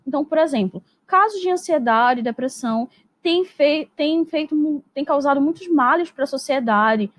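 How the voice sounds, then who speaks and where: A woman's voice: high voice, normal speed. A woman teacher explaining grammar in a recorded lesson, speaking patiently and constantly checking in with "né?" and "tá?". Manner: explanatory, peppers speech with "né?" and "tá?"; acts out example sentences in a lifted voice.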